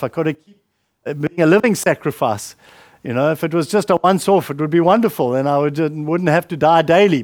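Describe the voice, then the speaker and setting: A pastor with a slightly high voice rambles through a casual sermon, dropping frequent fillers and digressions. It's recorded without echo in a church hall on a handheld mic with a failing battery.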